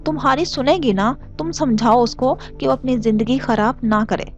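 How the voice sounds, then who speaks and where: A woman's voice: sits high, moderate pace, lo-fi sound, faint music behind, close to an everyday voice. A woman voicing an agitated young man who is angry over a broken romance. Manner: curt and agitated.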